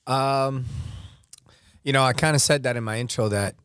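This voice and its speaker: A man speaking as a guest on a casual podcast, opening up candidly in halting sentences full of fillers that often trail off softer. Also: mid-range voice, clear, resonant tone, dry recording, studio quality. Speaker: podcast guest, basketball referee.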